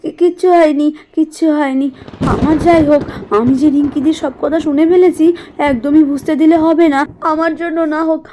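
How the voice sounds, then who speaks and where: A woman's voice: high-pitched, fairly even intonation, brisk, noisy background, pitched above the performer's own voice, natural voice. Woman voicing a tender village mother. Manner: emotional, soothing and tender toward her daughter. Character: poor, self-sacrificing young village mother.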